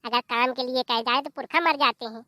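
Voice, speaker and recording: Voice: sits high, fairly even intonation, brisk, sharp tone, dry recording, clean studio sound. A performer voicing a tart, sarcastic young daughter-in-law.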